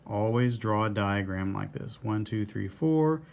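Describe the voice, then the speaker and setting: Man, deep voice, gravelly fry, music theory lesson, patient, counts bars aloud. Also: little pitch movement, normal speed. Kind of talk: recorded lesson explaining a score.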